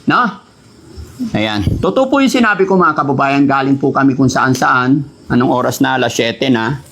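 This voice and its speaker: A man vlogging in casual chat, scolding loudly during a prank and then speaking calmly and politely to his viewers. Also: medium pitch, normal speed, vocal fry, a little hiss or hum.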